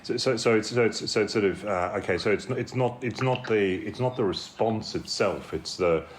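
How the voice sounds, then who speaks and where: A man's voice: lowish voice, normal speed, slight background noise, natural voice. A man playing a rambling male therapist who stammers through false starts and hedges constantly. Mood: hedging. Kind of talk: improvised comedy dialogue.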